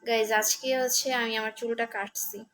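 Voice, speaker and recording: A woman's voice: a little high, steady tone, normal speed, fairly bright tone, faint music behind. A woman chatting casually on a live stream, answering viewers' comments one by one.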